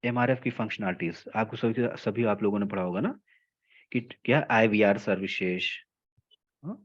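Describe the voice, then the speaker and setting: Delivering a technical lecture, a telecom trainer explains things slowly, mixes in English terms, and repeats key phrases. He checks in with his listeners often. His voice is fairly low in pitch, and the audio is dull.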